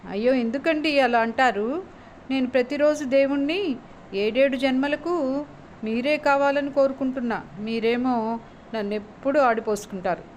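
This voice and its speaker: A woman's voice: high voice, normal speed, lo-fi sound, a little hiss or hum, lightly acted. A woman voicing a sweet-talking, teasing young wife in a spoken story, her tone sugary and mock-pleading. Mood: coaxing, pleading.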